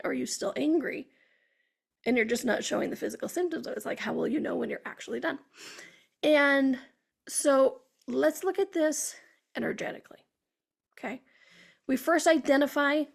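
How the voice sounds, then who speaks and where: A high-pitched woman with a strongly gravelly, husky voice talks through her podcast in a loose, chatty way. She often breaks into laughter and acts out her clients' lines. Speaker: podcast host and coach. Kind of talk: casual solo podcast talk.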